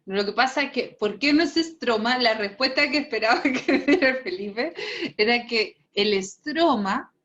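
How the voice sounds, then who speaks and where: A woman's voice: on the high side, expressive, normal speed, fairly bright tone, muffled recording. A Chilean woman teaching a science class online, reviewing a quiz with a playful, teasing manner and frequent laughter. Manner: teasing, laughs often, explains patiently.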